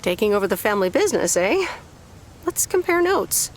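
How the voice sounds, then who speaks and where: A woman's voice: medium pitch, very animated, slight background noise, lightly acted. An actress playing a friendly woman in her forties back in her hometown in a video game, with a light, teasing way of talking. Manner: light, teasing, quick to laugh.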